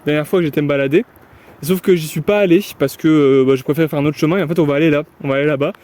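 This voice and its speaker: A man's voice: on the high side, racing, darkish tone. A young man vlogging casually as he walks through a forest, rambling in a chatty, upbeat way. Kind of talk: casual walking vlog. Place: outdoors in a forest.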